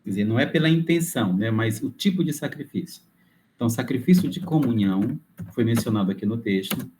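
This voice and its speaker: A man's voice: mid-range voice, animated, brisk, darkish tone, a little hiss or hum. A man giving a classroom lecture, explaining patiently and thinking aloud, with frequent fillers and restarts.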